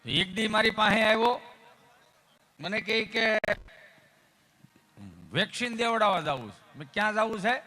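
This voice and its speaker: A man's voice: high voice, moderate pace, long pauses, bright, forceful tone. A young man, telling folksy comic stories on stage and acting out the people in them. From Gujarat, India. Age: young adult. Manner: folksy, acts out characters in his stories. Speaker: stand-up comedian at a folk stage show. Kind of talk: stage comedy storytelling.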